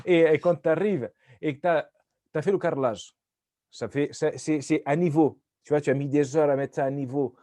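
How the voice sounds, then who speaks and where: A man's voice: a little high, steady tone, normal speed, warm tone. A man from Portugal riffing as a comedian in loose, jokey chat, rambling and dropping into playful mock voices.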